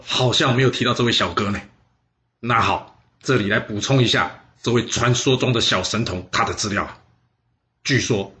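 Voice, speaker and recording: A man's voice: mid-range voice, a bit bright. A man telling history stories for an audiobook, chatty and playful, often asking listeners questions. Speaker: storyteller.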